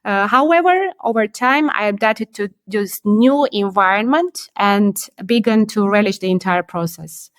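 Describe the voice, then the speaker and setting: Woman, measured and thoughtful. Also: mid-range voice, dry recording. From Armenia. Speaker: podcast guest, company CEO. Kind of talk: remote podcast interview.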